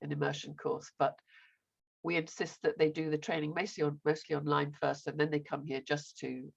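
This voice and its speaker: A woman in her seventies introduces herself to a group in a low, gravelly voice that turns squeaky, as if she is under the weather. She speaks as an experienced teacher. The recording is dull and lo-fi. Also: flat delivery, moderate pace. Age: 70s. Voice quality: squeaky, croaky voice from feeling unwell. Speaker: language teacher and residential course owner. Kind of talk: self-introduction in a group online discussion. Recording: dull, lo-fi call audio.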